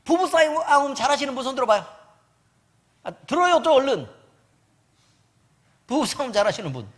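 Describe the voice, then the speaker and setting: A woman's voice: sits high, very animated, moderate pace. A woman pastor preaching at a church service in a teasing, conversational way, constantly quizzing the congregation with questions. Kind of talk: sermon.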